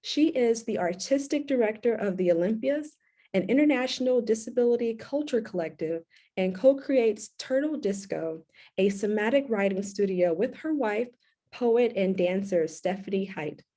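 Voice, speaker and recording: Woman host with a mellow voice. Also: fairly high pitch, lively intonation. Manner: clear, measured, formal reading. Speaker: co-curator and host. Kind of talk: reading guest introductions, then moderating.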